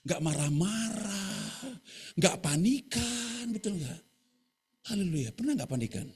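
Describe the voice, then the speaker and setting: A male pastor preaching a sermon, often asking the congregation "right?" and calling for louder amens. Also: high voice, lively intonation, slow pace, breathy edge.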